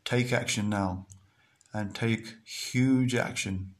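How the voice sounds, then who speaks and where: A man's voice: on the low side, fairly even intonation, slow pace. A man hosting a podcast, speaking in an earnest, repetitive motivational monologue full of fillers and restarts. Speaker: podcast host.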